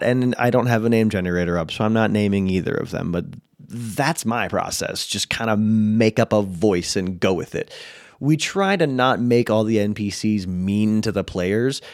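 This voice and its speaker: A man's voice: on the low side, no echo, clean studio sound. A man with an American accent hosting a podcast, giving casual advice to game masters, laid-back with frequent chuckles and restarts.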